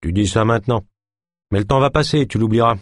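A man playing a gruff, suspicious male guard who grumbles and speaks bluntly, read in an audiobook. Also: lowish voice, fairly quick, no room sound, clean studio sound, close to an everyday voice. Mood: teasing.

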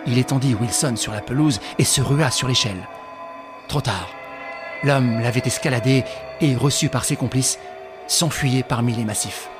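A man reading a novel aloud as an audiobook narrator, with a dramatic, expressive delivery. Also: medium pitch, normal speed, over music. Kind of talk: scripted narration.

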